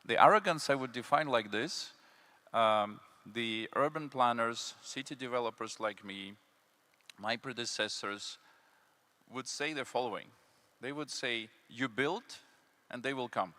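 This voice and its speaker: Bright-voiced man with a French-sounding accent. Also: mid-range voice, measured pace. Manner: speaks with a slide presentation, many fillers; emphatic, building points step by step. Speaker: panel speaker, consultant. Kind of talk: conference panel talk. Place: conference hall.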